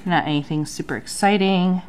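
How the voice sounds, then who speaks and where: A bullet journal vlogger in her thirties chats casually through her journal at a home desk under an overhead light, her voice nasal from a sinus infection and full of ums. It sits on the low side, darkish in tone, at a normal speed, with a little hiss or hum in the background.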